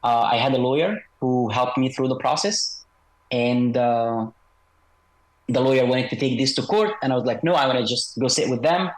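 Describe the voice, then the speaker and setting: Man, disguised altered voice, mid pitch, measured and hesitant, many fillers, interview guest. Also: poor audio. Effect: voice electronically altered to disguise identity. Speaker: guest author, former special operations soldier. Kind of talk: interview over a video call.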